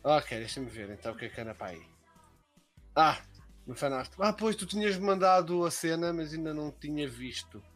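A man's voice: fairly high pitch, lively intonation, normal speed, a bit bright, faint music behind. A young man with a European Portuguese accent chatting casually as a live stream co-host, slangy and full of swearing.

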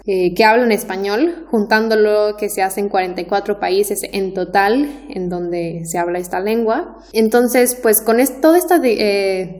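A woman's voice: medium pitch, a little mellow. A woman co-hosting a Spanish-learning podcast, chatty and thinking aloud with many fillers and restarts. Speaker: Spanish teacher and podcast co-host. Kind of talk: casual podcast conversation.

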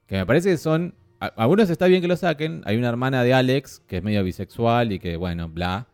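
A man co-hosting a casual film-review podcast, chatty and lively. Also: medium pitch, fairly quick, faint music behind. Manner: lively, chatty, mimics voices mockingly. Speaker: podcast co-host.

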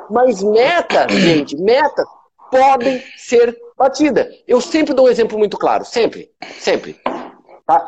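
The audio is lo-fi with a little hiss or hum, carrying a high, darkish male voice with a Brazilian Portuguese accent. He hosts a motivational live stream for followers, speaking emphatically and repetitively and swearing freely.

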